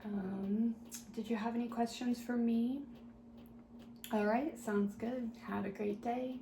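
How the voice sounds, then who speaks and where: A woman doing a soft-spoken, ASMR role-play as a helpful, patient librarian, talking gently and politely as if serving patrons at the desk. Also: fairly high pitch, steady tone, slow pace. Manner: gentle, polite customer-service talk with small murmured asides. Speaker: ASMR performer playing a librarian at a checkout desk. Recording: roomy echo, clear background noise.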